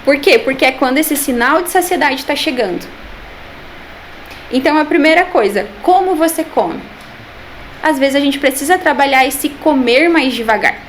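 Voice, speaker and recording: A woman's voice: sits high, animated, moderate pace, a little hiss or hum. A Brazilian woman, a nutritionist, answering interview questions with patient explanations and rhetorical questions. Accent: Brazilian Portuguese. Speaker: nutritionist and eating therapist.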